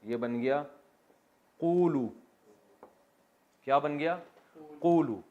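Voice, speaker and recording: A man's voice: on the high side, phone-quality sound. A man teaching a class on religious texts, explaining word by word and asking questions that he answers himself. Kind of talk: classroom lecture on Quran vocabulary and grammar.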